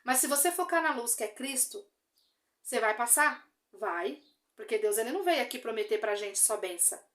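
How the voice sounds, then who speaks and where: A woman's voice: on the high side, animated, normal speed, a bit bright. A Brazilian Portuguese woman giving an earnest religious testimony, speaking straight to her listeners and repeating phrases for emphasis.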